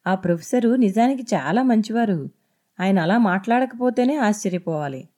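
A kind young woman student gently reassures a friend, as a woman narrator reads her. Her tone is mellow and warm. She speaks in an encouraging, comforting way. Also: medium pitch, expressive, moderate pace, lightly acted. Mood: reassuring.

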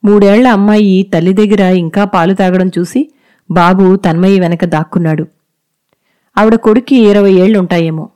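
A woman reading a short story aloud in a steady, measured way. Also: medium pitch. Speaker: narrator. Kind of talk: scripted story narration.

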